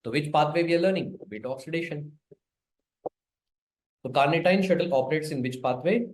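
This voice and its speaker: The recording is low quality, and the man speaks briskly in a fairly high voice with an Indian accent. His informal biochemistry lecture for exam prep is emphatic, full of repetition, mixes English and Hindi, and uses tag questions.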